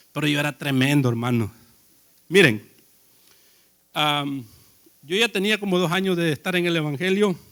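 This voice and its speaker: High bright-voiced male preacher. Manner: conversational, addresses the congregation with questions; tells personal stories. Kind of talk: sermon.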